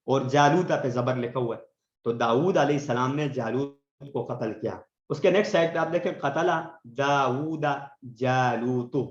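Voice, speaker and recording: A man teaching a tajweed lesson, explaining patiently and slowing down to recite verses as examples. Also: a little high. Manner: explains patiently, often checks with "theek hai?". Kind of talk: online tajweed lesson in Urdu. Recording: roomy, dull lo-fi sound.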